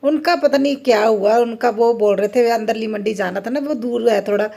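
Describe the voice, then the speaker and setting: A middle-aged woman, chatting casually in a family vlog, playfully indignant and quick to laugh as she tells her story. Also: a little high, mellow. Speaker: family vlogger.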